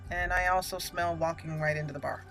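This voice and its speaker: The recording is low quality, with soft music behind a woman whose voice is on the low side yet fairly bright, with fairly even intonation and a fairly quick pace. Hosting a gaming channel, she gives playful, amused let's play commentary, chatting to herself and dropping into character roleplay.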